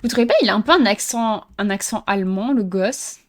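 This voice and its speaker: A woman's voice: mid-range voice, brisk. A woman commenting as she plays a horror video game, joking and teasing herself, sometimes tripping over words she reads aloud. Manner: joking, self-mocking, stumbles over read-out text. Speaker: gameplay streamer. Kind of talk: let's play commentary.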